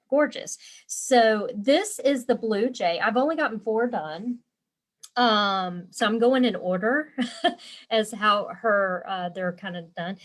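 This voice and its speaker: Woman, live craft tutorial host at home; chatty, rambling, frequent fillers, medium pitch. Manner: rambling and warm, many fillers and restarts. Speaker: quilting and embroidery teacher. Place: her home.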